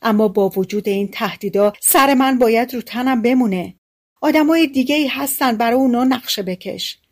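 A woman reading an audiobook, voicing a bold, quick-witted young male woodcutter with a cheeky, lively way of talking. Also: fairly high pitch, pitched above the performer's own voice, natural voice.

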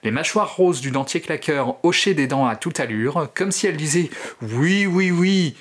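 A man's voice: a little high, moderate pace. Man reading a horror story with flair. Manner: expressive, theatrical storytelling. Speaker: narrator and host.

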